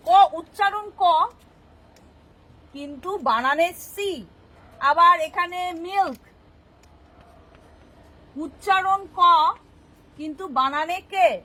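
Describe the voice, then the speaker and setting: A woman's voice: extremely high pitch, takes it slowly, long pauses, bright, forceful tone, poor audio. A woman teaching English spelling rules, patiently explaining and checking that the class understands.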